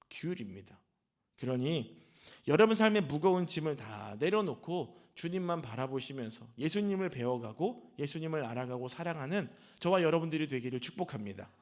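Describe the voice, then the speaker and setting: A middle-aged man, a senior pastor, preaches a Sunday sermon in a slightly higher voice. He talks conversationally, often turning to the congregation with rhetorical questions.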